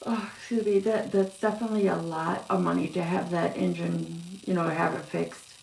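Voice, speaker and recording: Woman, lowish gravelly voice, halting live-stream reader, echoey room. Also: level tone, a little mellow. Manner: halting, filler-heavy, yawning. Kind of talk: casual live-stream reading. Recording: echoey room with faint noise.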